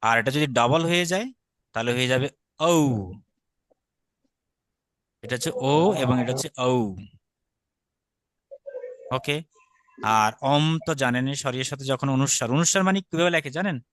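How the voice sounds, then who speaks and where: A man's voice: mid-range voice, fairly quick, long pauses, a bit bright, no room sound. A man teaching Sanskrit letters, patiently repeating and demonstrating each stroke. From Bangladesh. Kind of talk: step-by-step script lesson.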